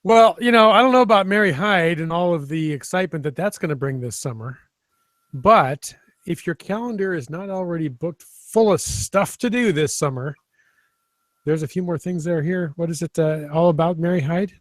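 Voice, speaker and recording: A man's voice: fairly high pitch, normal speed, dry recording. Wry, teasing man on a podcast. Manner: wry, teasing, rambling with fillers. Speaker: podcast co-host. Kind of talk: casual podcast chat. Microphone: video call.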